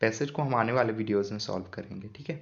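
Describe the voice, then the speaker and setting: A patient male English grammar teacher explains a lesson, often turning key points back into questions for his students. His voice is lowish and gravelly, and he talks fast. The recording sounds dull and lo-fi.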